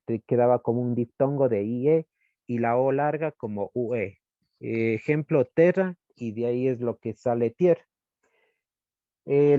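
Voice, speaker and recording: A man's voice: medium pitch, dry recording. Hesitant man presenting slides, muffled audio. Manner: hesitant, pausing to search for words. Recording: dull lo-fi dry recording.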